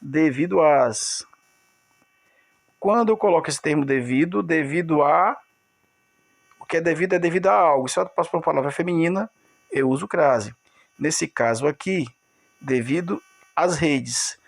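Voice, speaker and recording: A male teacher records a video lesson, walking his students through each point and repeating key words for emphasis. His voice sits slightly high and carries a gravelly, creaky texture. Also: normal speed. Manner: explains step by step, repeats key words, addresses students directly.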